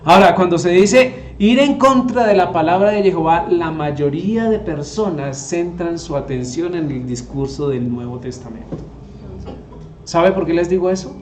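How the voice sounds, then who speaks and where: A man's voice: fairly high pitch, moderate pace, a little mellow, a little hiss or hum. A man, teaching the Bible to a group and often asking them rhetorical questions. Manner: asks the audience rhetorical questions. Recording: echoey room.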